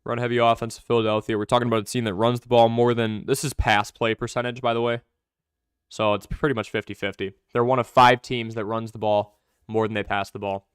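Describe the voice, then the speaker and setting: A young man hosting a live fantasy football stream, answering viewer questions in quick, chatty commentary. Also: mid-range voice, little pitch movement, clean tone, dry recording, clean studio sound. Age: young adult.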